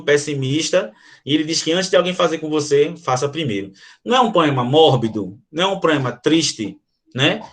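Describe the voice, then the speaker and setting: A Brazilian man teaching a literature class, explaining a sonnet and reading its verses aloud to his students. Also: a little high. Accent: Brazilian Portuguese. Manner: animated, addresses students directly, reads verses aloud. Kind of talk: online class explaining a poem.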